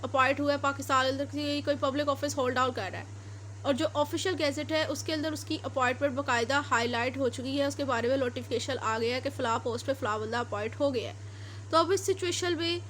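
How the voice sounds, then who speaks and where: She speaks fairly quickly in a high-pitched, steady, fairly bright voice, and there is slight background noise. A law teacher with a Pakistani accent, she lectures in an explanatory way, reading out statutes and explaining them in a mix of Urdu and English.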